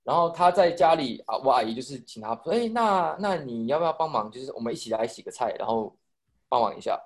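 A young man with a Taiwanese Mandarin accent tells a long, rambling story to friends on a podcast. He talks fast at a middle pitch. He restarts his sentences and swears casually as he goes. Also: animated. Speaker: podcast co-host telling a story. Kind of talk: casual chat.

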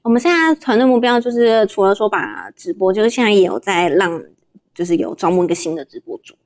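A woman's voice: mid-range voice, lively intonation, fast, darkish tone. A young adult woman with a Taiwanese Mandarin accent, chatting candidly as a guest in a casual interview. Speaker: interview guest, livestream shopping host.

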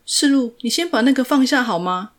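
A woman's voice: sits low, normal speed, husky. A woman voicing an anxious young woman who pleads and scolds through tears in a retold drama. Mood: pleading. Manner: pleading then scolding, crying.

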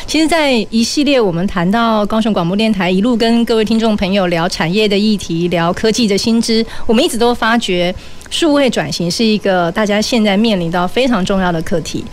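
A woman with a Taiwanese Mandarin accent hosts in a public radio manner. Her mid-pitched voice is polite and explanatory, conversational in flow. There is noticeable noise behind her. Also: a little fast. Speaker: radio program host.

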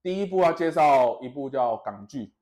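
A man hosts a casual podcast. He tells rambling, self-amused stories in a voice of ordinary middle pitch. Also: expressive, normal speed, a little mellow. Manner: rambling, laughs at his own stories. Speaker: podcast host. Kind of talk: casual chat, storytelling.

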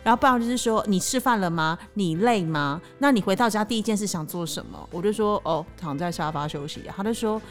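A woman, co-hosting a casual chat show and telling a story with animated, teasing delivery. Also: medium pitch, a little fast, few pauses, soft background music. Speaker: podcast co-host.

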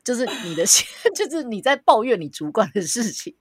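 A woman's voice: a little high, moderate pace, breathy edge, no room sound. A woman co-hosting a podcast in casual chat, telling stories and laughing a lot. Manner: lively, laughs a lot, storytelling. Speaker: podcast co-host. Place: small wooden-walled room at home.

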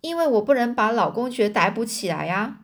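A woman voicing a courteous, calm and wry male detective in a storybook reading. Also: fairly high pitch. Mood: polite. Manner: courteous and unhurried.

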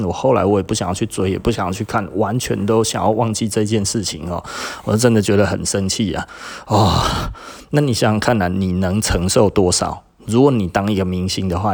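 Man, low voice, Taiwanese Mandarin accent, podcast host, chatty animated storytelling, lots of sentence-end particles. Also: breathy edge. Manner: animated retelling with frequent sentence-final particles; rises in pitch and volume when indignant. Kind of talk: casual storytelling monologue.

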